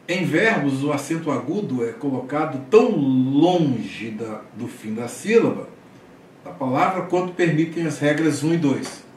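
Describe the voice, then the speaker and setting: Male teacher, mid pitch, explanatory lecture, echoey room, distant mic. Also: slight background noise. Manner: explanatory, frequent "tá?" checks, hesitant restarts. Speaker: Greek teacher. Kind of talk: classroom lecture.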